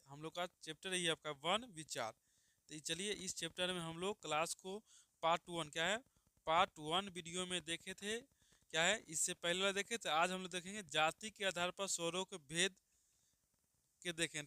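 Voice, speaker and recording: Bright-voiced grammar teacher. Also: male voice, high voice, clean tone, no echo. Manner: repeats questions and answers them himself, calls students "babu". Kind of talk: classroom lesson for students.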